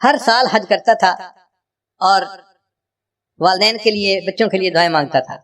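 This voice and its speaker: A man's voice: high voice, a bit bright. A male preacher telling a moral story in a sermon, in an earnest, emotive way. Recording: voice distant from the mic.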